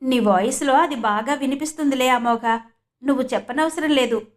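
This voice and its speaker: A woman's voice: high-pitched, moderate pace, lightly acted. A woman voicing a supportive young female friend chatting on the phone in an audiobook. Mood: affectionate.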